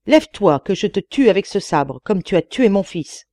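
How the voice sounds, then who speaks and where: A woman doing a booming vengeful old genie. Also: very animated, moderate pace, warm tone, no room sound, studio quality. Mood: menacing. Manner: terrible, booming tone. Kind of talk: audiobook reading.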